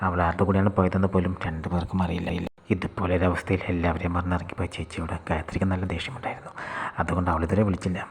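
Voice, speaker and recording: Husky half-whispering male storyteller. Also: sits low, little pitch movement, racing. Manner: soft, half-whispered delivery. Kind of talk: scripted story narration.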